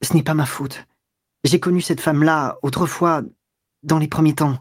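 A woman voicing a guilty young man who pleads softly and stammers. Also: low voice, fairly even intonation, moderate pace, no room sound, clean studio sound. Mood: pleading.

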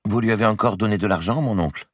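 A man's voice: low-pitched, moderate pace, fairly bright tone, slightly rough, no room sound, studio quality, voice pushed up, exaggerated voice. A man voicing a young male nephew in an audiobook, reproachful and unenthusiastic. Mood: disapproving.

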